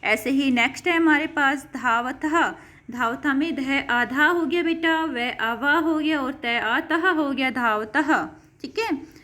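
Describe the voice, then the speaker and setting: High-voiced woman teaching Sanskrit to kids. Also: slow, sharp tone. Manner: patient, repeats words and calls students beta. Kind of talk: Sanskrit lesson for children.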